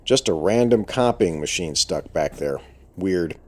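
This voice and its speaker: A man's voice: low voice, lively intonation, measured pace. A man narrating an exploration in a casual, dry way, his voice muffled by a respirator with audible breathing. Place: inside a burned abandoned hotel.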